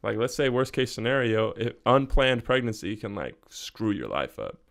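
A man's voice: fairly low pitch, expressive, normal speed, gravelly, fairly bright tone. Slangy young man on a podcast mic. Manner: slangy, loose, keeps saying bro and hella. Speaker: podcast co-host. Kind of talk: casual chat. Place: small indoor podcast studio. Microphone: studio mic on boom arm, wearing headphones.

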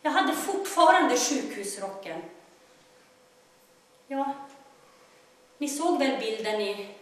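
An actress performing a theatrical monologue as a troubled woman who claims to be God's daughter. She is wry and swings between loud bursts and hushed telling. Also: high voice, animated. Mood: storytelling. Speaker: stage actor in a monologue. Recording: very echoey stage room.

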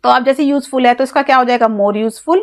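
Speaking in a high, brisk voice, a woman with an Indian accent gives a classroom-style English grammar lesson. She explains step by step, spells words out letter by letter, and poses questions she answers herself.

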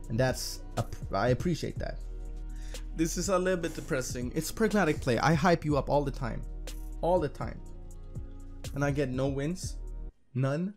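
A man's voice: medium pitch, darkish tone. A man giving casual gambling commentary to his viewers as a slots streamer, in profane, slangy bro talk. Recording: music behind the voice.

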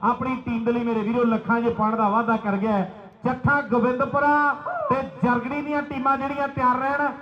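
Man, very high forceful voice, excited rural sports commentary, repeated calls, echoey. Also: a little fast, muffled recording. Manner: excited, repeats names and phrases. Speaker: kabaddi match commentator and announcer. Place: outdoor village sports ground.

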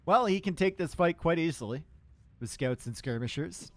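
A man commentating a strategy game match with a lively, teasing delivery. His pitch swings widely, climbing high and loud when the action turns. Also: moderate pace, no room sound. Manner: lively, teasing, rises sharply when excited. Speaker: caster. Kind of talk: esports commentary.

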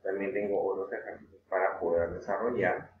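A man's voice: low-pitched, fairly even intonation, slight background noise. Man teaching grammar over a tinny line. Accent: Peruvian Spanish. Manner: patient, repeats words slowly, frequent "eh" fillers. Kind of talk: online grammar lesson. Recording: echoey room over a tinny phone-like line.

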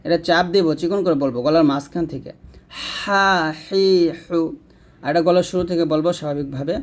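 Guy teaching quran letter sounds, slightly high voice, drags out the drills then rattles off the how-to. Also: steady tone, rapid-fire, darkish tone. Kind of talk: pronunciation lesson.

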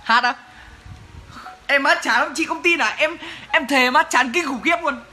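A man's voice: extremely high pitch, moderate pace, sharp tone. A young man, chatting playfully in a casual Q&A vlog. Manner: playful, joking, chatty with laughs. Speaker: vlogger. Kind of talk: casual Q&A chat to camera.

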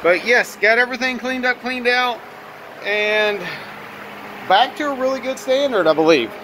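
A man giving a casual vlog walkaround in a workshop, raising his voice to talk loudly over a fan. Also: extremely high pitch, moderate pace. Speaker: auto detailer presenting own work. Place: garage workshop, indoors. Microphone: handheld phone camera, operator behind it. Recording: steady fan noise in workshop. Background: running fan.

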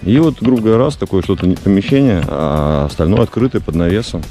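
A man's voice: deep voice, lively intonation, fast talker. A man chatting enthusiastically and casually while walking around an outdoor jungle site, with lots of fillers. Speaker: vlogger touring a building site. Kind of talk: casual walk-and-talk. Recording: loud music over the voice.

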